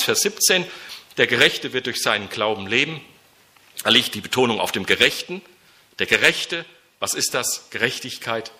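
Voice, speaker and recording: A man's voice: medium pitch, pushed and bright. A middle-aged man preaching a sermon, emphatic, with repeated phrases and fervent peaks. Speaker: preacher and mission leader.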